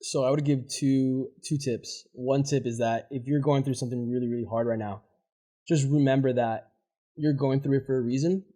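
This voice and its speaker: A man's voice: medium pitch, steady tone, moderate pace, mellow. A man speaking as a podcast guest, giving motivational advice in a fervent, casual way and swearing freely. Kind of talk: motivational interview talk.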